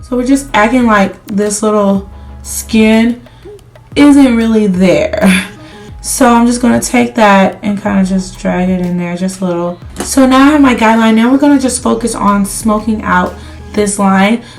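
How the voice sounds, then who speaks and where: Here a woman with a mid-range voice speaks a little slowly over soft background music. She's a beauty vlogger chatting with viewers through a makeup tutorial, addressing them directly, her voice slightly crackly since she's under the weather and losing it.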